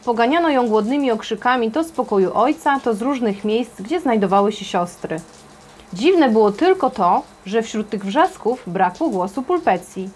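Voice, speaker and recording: A woman narrating a children's novel aloud in a lively, expressive storytelling manner. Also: fairly high pitch, moderate pace.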